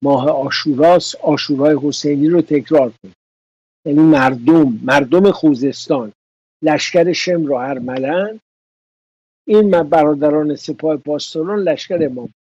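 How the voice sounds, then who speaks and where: A man's voice: a little high, dark tone, slightly rough, no echo, muffled recording. A man hosting a political commentary show, talking indignantly and sarcastically in a studio.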